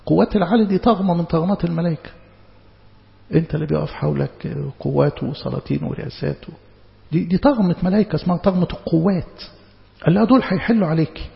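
Egyptian preacher guy, gravelly voice, asks lots of questions, long echo, dull sound. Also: on the high side, quick pace, pauses often. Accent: Egyptian Arabic. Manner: conversational, asks rhetorical questions. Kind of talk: sermon.

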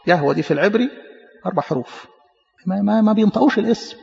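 High, fast Egyptian preacher, gravelly. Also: male voice, lively intonation, darkish tone. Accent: Egyptian Arabic. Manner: emphatic, explanatory, stammers on repeats. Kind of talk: sermon teaching. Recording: echoey hall, muffled lo-fi.

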